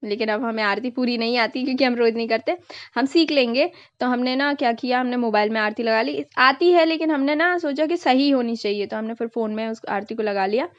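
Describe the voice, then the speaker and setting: A woman's voice: fairly high pitch, fairly quick, no room sound, muffled recording. A young woman vlogger narrating her family's festival video in a casual, chatty way, dropping in English words now and then.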